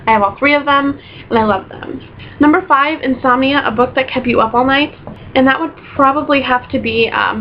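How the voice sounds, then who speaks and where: A woman's voice: fairly high pitch, slight background noise. Gushing young woman, lo-fi webcam sound. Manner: chatty, gushing, stacks repeated words for emphasis. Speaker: book vlogger. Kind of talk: casual book review vlog. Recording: dull lo-fi webcam audio.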